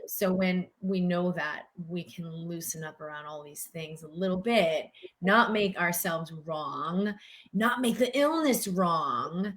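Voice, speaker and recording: A woman's voice: fairly low pitch, takes it slowly, fairly bright tone. A middle-aged woman from the United States, a doctor talking earnestly in an interview and using many filler words. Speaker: doctor and guest. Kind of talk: conversational interview.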